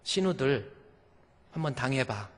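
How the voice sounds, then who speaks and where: A male preacher voicing a distraught middle-aged daughter-in-law who shouts in grief, shrill and near tears. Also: expressive, measured pace, long reverb tail, close to an everyday voice. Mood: anguished shouting.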